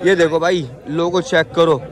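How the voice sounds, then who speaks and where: This casual market vlog features a young man whose slightly high voice moves at a normal speed over a faint crowd. He's excited and talkative, repeatedly saying "bhai," first in a crowded outdoor street market and later in a bedroom, filming on a phone held at arm's length.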